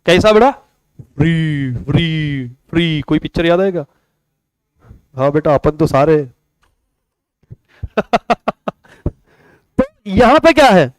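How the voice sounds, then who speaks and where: A man's voice: high-pitched, big pitch swings, takes it slowly, pauses often, dry recording, rough recording. A young man teaching an online commerce class in a chatty, joking way, calling his students "beta". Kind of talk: casual online class lecture.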